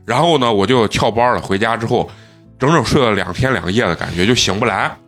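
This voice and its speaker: A man, a podcast host telling stories in a casual chat, animated and often laughing. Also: on the low side, fairly quick, faint music behind.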